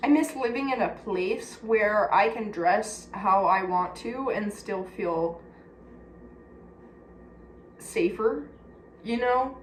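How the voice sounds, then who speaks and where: A woman vlogger from California, United States, chats with her audience in a candid, blunt, confiding way, her Californian accent clear. Her medium-pitched voice moves at a slow pace with long pauses, in an echoey room carrying faint background noise.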